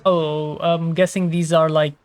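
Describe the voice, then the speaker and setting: A man's voice: fairly high pitch, level tone, measured pace. A man playing a video game and reacting in casual, playful, jokey commentary. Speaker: gamer. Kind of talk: casual let's-play commentary.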